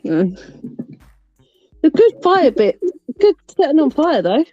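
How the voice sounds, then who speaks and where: A woman's voice: sits high, sing-song, slow pace, warm tone, no echo, lo-fi sound, faint music behind. A British woman chatting casually and playfully, laughing often. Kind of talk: casual chat.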